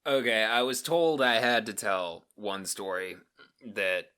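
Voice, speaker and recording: A man's voice: on the low side, steady tone, slow pace, pushed and bright, clear, resonant tone. A young man, a podcast guest, telling a story in casual chat, his voice jumping up when he recounts outrage.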